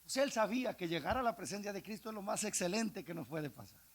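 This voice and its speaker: A male evangelist preaching a sermon, swinging from hushed speech to impassioned shouting. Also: high-pitched, lively intonation, fast talker. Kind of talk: Pentecostal-style sermon.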